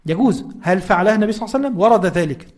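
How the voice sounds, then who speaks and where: A man's voice: high-pitched, expressive, rapid-fire, darkish tone. A man with an Egyptian accent giving a conversational Quran lesson and checking in with his listeners through rhetorical questions. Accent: Egyptian Arabic. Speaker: religious teacher.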